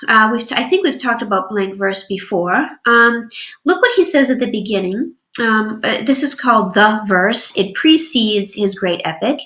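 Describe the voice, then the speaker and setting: A woman teaching a literature class, with a fairly high voice and warm enthusiasm for the poems. She explains step by step, often pausing with um and uh. The room sounds echoey around her. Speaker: literature professor. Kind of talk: recorded online lecture.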